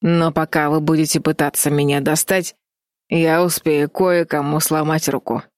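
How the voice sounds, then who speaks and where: A woman's voice: low voice, level tone, darkish tone, no echo, clean studio sound, close to an everyday voice. Woman voicing a sneering cruel young man. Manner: mocking, slow and cruel. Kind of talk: audiobook character voice.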